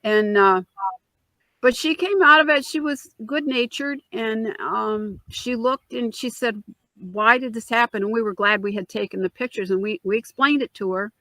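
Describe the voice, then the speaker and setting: A woman's voice: fairly high pitch, normal speed, bright, forceful tone, no echo, poor audio. A woman, a mother, recounting a family ordeal in an interview with earnest feeling, acting out the dialogue she quotes. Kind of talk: emotional personal storytelling.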